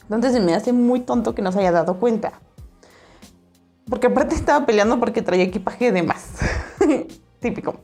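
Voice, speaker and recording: A young woman with a Mexican accent telling a personal story in a casual, animated way, acting out the voices she quotes. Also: a little high, normal speed, long pauses, soft background music. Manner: animated, acts out quoted voices, laughs often.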